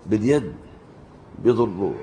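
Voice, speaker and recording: A male preacher tells stories in a mellow, warm voice. He talks like an animated storyteller and rises sharply to stress his points. Faint noise sits under the voice. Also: fairly low pitch, moderate pace. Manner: animated storyteller, jumps into quoted voices, rising emphasis. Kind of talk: storytelling sermon.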